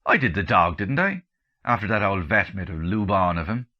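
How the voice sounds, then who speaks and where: A man's voice: low voice, animated, moderate pace, dull audio. A man voicing a mild, earnest middle-aged Irish husband with an Irish accent who talks in homely country phrases. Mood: eager.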